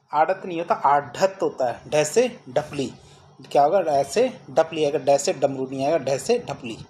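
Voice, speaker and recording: A woman's voice: deep voice, darkish tone, slight background noise. A woman teaching an exam-prep Hindi spelling lesson, asking questions and answering them herself over and over. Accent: Rajasthani. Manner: repetitive question-and-answer drilling.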